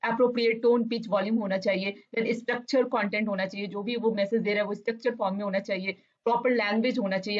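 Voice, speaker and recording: Deliberate woman lecturer, lo-fi sound. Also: mid-range voice. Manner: mixes Hindi and English, reads English answers slowly and deliberately. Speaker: online lecturer. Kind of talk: exam-focused lecture. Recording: dull lo-fi sound.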